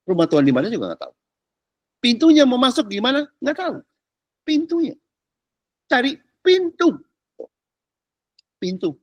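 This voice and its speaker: Lively high-voiced man preaching, very animated. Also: dry recording. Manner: colloquial, teasing, rhetorical questions, swings loud and soft. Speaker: pastor. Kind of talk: animated sermon teaching. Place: church classroom.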